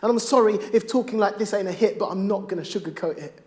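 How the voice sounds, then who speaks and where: A man's voice: sits high, fast. Man performing spoken word poetry. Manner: rhythmic rhymed delivery, swinging from hushed to loud. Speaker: bereaved father speaking on stage.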